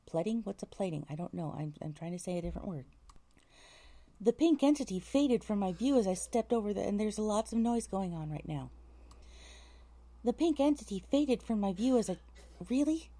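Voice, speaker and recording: A woman with a mid-range, mellow voice narrates a scripted story for an audiobook, animated and at a moderate pace. She interrupts herself to correct her reading, muttering irritated remarks between takes.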